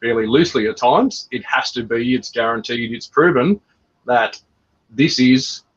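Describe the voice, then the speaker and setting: A man's voice: medium pitch, unhurried, fairly bright tone, slightly rough. A man hosting a casual reptile livestream, teasing his co-host with jokey banter. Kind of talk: casual chat. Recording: dull lo-fi audio.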